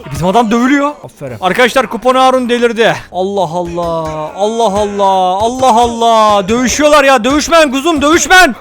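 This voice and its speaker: A man giving playful, excitable commentary on a prison game, joking and shouting at the characters. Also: high voice. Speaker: gaming YouTuber.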